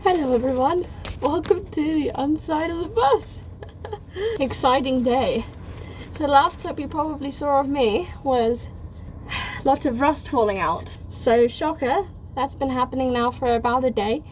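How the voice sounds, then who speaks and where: A woman's voice: sits high, animated, a little slow, slight background noise. A woman chatting casually on camera while she does hands-on work converting a bus, upbeat and talkative. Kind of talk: casual vlog narration.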